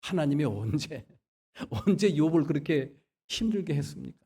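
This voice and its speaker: A man preaching a Sunday sermon as pastor. He moves between quiet asides and loud, emphatic exhortation. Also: a little high, animated, moderate pace, slightly rough. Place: church sanctuary.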